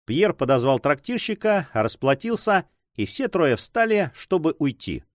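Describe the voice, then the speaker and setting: Animated man reading an adventure book. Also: fairly high pitch, unhurried, no echo, clean studio sound. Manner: expressive, animated. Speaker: narrator. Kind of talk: audiobook reading.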